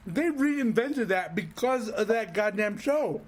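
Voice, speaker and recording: A man's voice: high-pitched, lively intonation, a little slow. A man co-hosting a casual podcast chat, telling stories animatedly and swearing casually. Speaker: podcast co-host.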